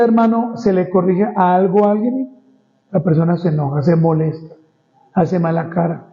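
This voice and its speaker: A man preaching an expository Bible sermon as pastor, reading scripture slowly and emphatically and often addressing the congregation as brothers. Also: high voice, muffled recording.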